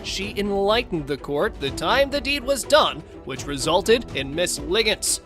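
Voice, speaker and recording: A woman's voice: mid-range voice, big pitch swings, unhurried, over music. A woman narrating in a playful, theatrical scripted style, with sassy, slangy asides. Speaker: narrator of a court show recap.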